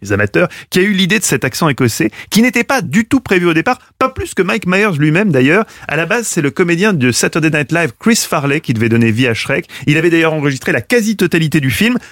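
A man's voice: a little high, very animated, fast, few pauses, a bit bright, no echo. A man giving a comic radio chronicle in a playful, teasing, slangy way at a studio microphone, with faint music behind. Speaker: radio columnist.

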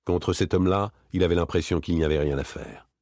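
Brief: male audiobook reader, lowish husky voice, lively dramatic delivery, dry close sound. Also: fairly quick, no echo. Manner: expressive, theatrical.

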